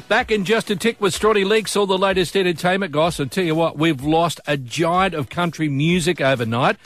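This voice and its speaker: A man's voice: fairly high pitch, a bit bright. A middle-aged Australian man hosting breakfast radio, with a chummy, colloquial, upbeat presenting style. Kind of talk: upbeat commercial radio presenting with casual banter. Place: radio studio. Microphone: close studio microphone.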